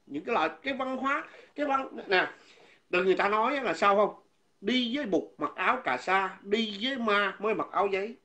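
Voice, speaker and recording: A man's voice: high voice, expressive, a little fast, sharp tone. A man delivering an angry, insulting monologue as a vlogger, repeating himself and stumbling over words. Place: living abroad.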